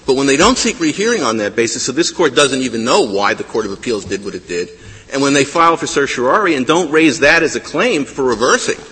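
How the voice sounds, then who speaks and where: A man arguing a case before a high court, insistent and argumentative, often stumbling and repeating words. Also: big pitch swings, quick pace, fairly bright tone, breathy edge. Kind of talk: appellate oral argument. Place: large courtroom. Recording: courtroom with long reverb.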